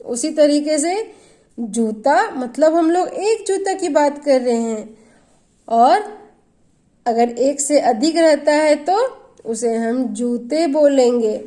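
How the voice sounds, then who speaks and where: Slow, high-voiced woman teaching children. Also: animated, mellow. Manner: slow, patient explaining with questions to children. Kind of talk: classroom grammar lesson.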